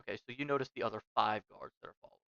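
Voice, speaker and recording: Game master narrator: clear smooth voice, improvising casually, dry and slightly dull recording. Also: medium pitch, rapid-fire, pushed and bright, no echo.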